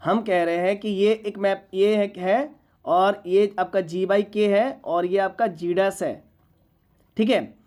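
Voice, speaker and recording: A woman's voice: mid-range voice, fairly even intonation, slow pace, darkish tone. A woman teaching a university maths class, lecturing patiently and often asking whether students follow. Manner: patient, checks understanding often.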